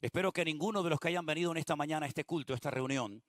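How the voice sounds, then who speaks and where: A man preaching a sermon as pastor, moving between hushed prayer-like passages and rising, emphatic exhortation. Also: fairly high pitch, rapid-fire, no room sound, clean studio sound.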